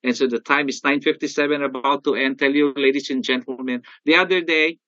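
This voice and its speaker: An older man with a Filipino accent giving an animated motivational sales talk, often calling out to his audience. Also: mid-range voice, brisk, dry recording, dull audio. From Philippines. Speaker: sales coach.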